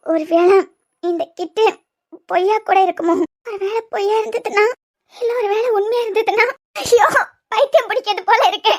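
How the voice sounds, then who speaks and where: A woman with a Kanyakumari Tamil accent voicing an anxious young wife in a cartoon web series, her speech pleading and tearful. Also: extremely high pitch.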